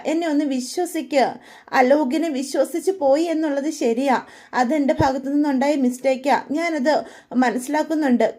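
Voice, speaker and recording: A woman's voice: high voice, a little mellow, natural voice. A woman voicing a remorseful young woman who pleads with her older brothers. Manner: pleading, apologetic.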